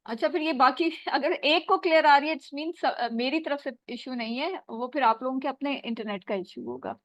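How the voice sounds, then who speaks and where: A woman's voice: high-pitched, normal speed, no echo. A woman teacher giving an online lesson over a bad connection that keeps cutting her voice out, patiently quizzing students word by word. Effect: voice cutting out over a bad call connection. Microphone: video call. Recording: dull dry online call audio.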